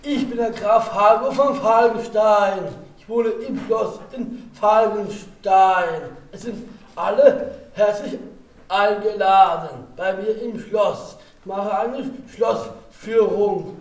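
A man's voice: sits high, slow pace, recorded from a distance. A man playing a courteous castle count who speaks as a welcoming host. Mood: gracious. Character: courteous count inviting guests to his castle. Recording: echoey room, off-mic.

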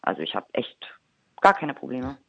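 An actress with a Berlin German accent chats openly on the radio as an interview guest, laughing readily. Her voice is very deep, creaky and husky with a sing-song lilt, heard without echo in a dull, lo-fi radio recording.

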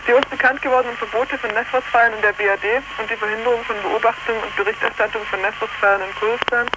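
A woman with a medium-pitched voice, a member of an activist delegation, reads a prepared statement down a bad long-distance telephone line. Heavy noise surrounds her, and she stumbles over some words.

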